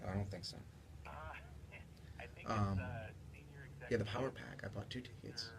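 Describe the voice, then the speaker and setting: A man hosting a radio show in the studio, announcing loudly and then chatting casually with his co-host. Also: on the low side, measured pace, creaky, crowd noise. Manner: loud, upbeat announcing, then relaxed banter. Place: radio studio with a speaker playing. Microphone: studio mic with headphones.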